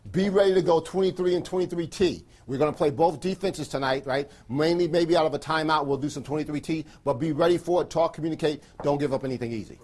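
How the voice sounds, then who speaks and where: A middle-aged man gives a locker room pregame talk as a coach. His voice sits a little higher than most men's. He speaks in short, emphatic directives and keeps adding quick checks for agreement. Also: a little mellow. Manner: emphatic, clipped instructions with repeated "right?" checks. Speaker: basketball coach. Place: small carpeted locker room, indoors.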